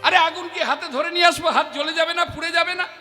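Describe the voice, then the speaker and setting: A man voicing a hot-tempered young disciple who talks loudly and with exasperation. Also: very high-pitched, steady tone, fast, voice pushed up. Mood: exasperated. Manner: loud, exasperated, scornful. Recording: echoey hall with faint music.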